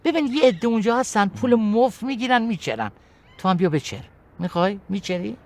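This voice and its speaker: Brief: mocking comic father, high and very lively voice. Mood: scornful. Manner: mocking, theatrical, swings between loud and soft. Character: sarcastic bossy father scolding daughter's fiancé. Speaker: father in a comedy series.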